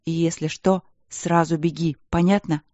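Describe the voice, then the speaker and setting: A soft-spoken, worried queen, as a woman narrator plays her, gentle more than stern, with a dark, mellow tone. She talks low and warmly, her sadness close to the surface. A dry, somewhat dull audiobook recording. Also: fairly even intonation, normal speed, no room sound, close to an everyday voice. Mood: sad. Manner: soft, anxious, firm then yielding. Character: gentle worried young queen, older sister.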